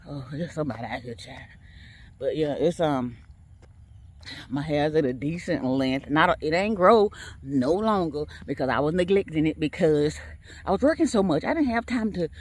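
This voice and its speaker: A vlogger walks an outdoor track, chatting casually and directly to her viewers and laughing often, a bit tired from the walk. Her voice is low and husky.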